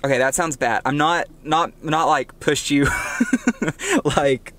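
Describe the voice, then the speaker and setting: A young man co-hosts a casual podcast through a budget microphone, chatting and telling stories while correcting himself along the way. His voice is a little high and fairly bright, and he speaks slowly.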